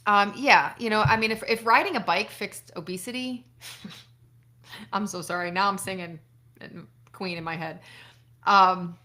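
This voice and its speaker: Speaking unhurriedly with long pauses, a middle-aged doctor from Buffalo, New York, answers viewers' questions in a casual live stream. Her voice is medium in pitch with a sharp tone, and she often laughs and sometimes swears.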